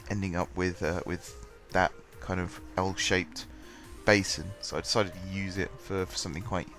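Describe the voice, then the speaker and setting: A low-pitched, fairly bright male voice with little pitch movement and a moderate pace belongs to a gaming host fighting a cold. Sounding stuffy, he meanders through casual commentary with frequent ums and restarts; soft music sits in the background.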